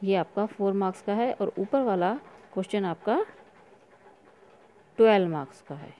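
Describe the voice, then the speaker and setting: A woman teaching a recorded online class to young children, reading words slowly and clearly for them to repeat. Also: medium pitch, lively intonation, dark tone. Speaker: school teacher.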